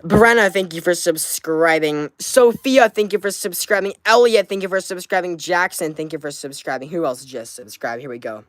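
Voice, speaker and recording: A woman livestreamer with a playful gamer-girl delivery, hyping up chat with repetitive, slangy calls and shout-outs to viewers. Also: fairly low pitch, moderate pace, few pauses. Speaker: live streamer hosting a donation and subscriber giveaway. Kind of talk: hyped livestream patter to chat.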